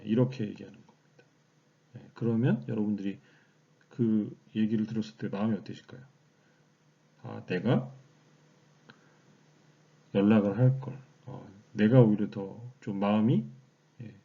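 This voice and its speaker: A man's voice: medium pitch, vocal fry, warm tone, highs cut off. A man teaching a recorded online class, explaining step by step with frequent fillers and rhetorical questions. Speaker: lecturer.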